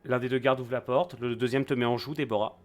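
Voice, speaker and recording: A man's voice: medium pitch, steady tone, fast talker. A man running a tabletop role-playing game as game master, improvising the narration and feeling for his words. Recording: music behind the voice.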